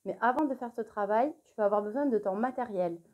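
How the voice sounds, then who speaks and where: A young adult primary school teacher runs a remote spelling lesson for young children, dictating clearly, spelling out letters one at a time and encouraging the child directly. Her voice is fairly high and fairly quick, with a darkish tone.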